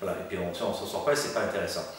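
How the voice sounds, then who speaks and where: A man's voice: sits low, rapid-fire, very echoey, far from the mic. A man telling a long personal story in casual conversation, acting out the voices he quotes with lots of fillers and restarts. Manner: lively, acts out quoted voices, frequent fillers. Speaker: medium telling ghost stories. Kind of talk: animated storytelling chat.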